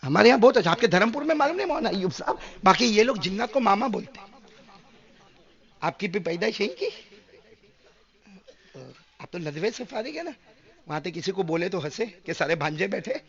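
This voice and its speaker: A man from Gujarat, preaching an animated, humorous sermon and questioning his listeners, in a dull lo-fi recording. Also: high-pitched, creaky, pauses often. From Gujarat, India. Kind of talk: sermon with anecdotes.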